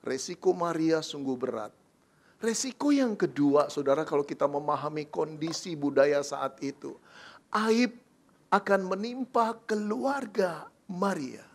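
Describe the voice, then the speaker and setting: A male pastor preaching a sermon with dramatic storytelling and rhetorical questions to the congregation. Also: sits high.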